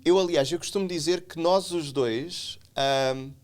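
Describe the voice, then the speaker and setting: A middle-aged man from the Algarve in Portugal, a podcast guest chatting in an animated way, repeating words as he goes. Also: a little high, measured pace. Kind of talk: casual conversation.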